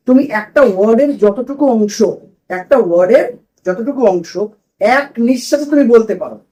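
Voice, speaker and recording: A man's voice: very high voice, a little mellow, poor audio. A man teaching a grammar lesson to a class in a classroom, asking questions and repeating the students' answers.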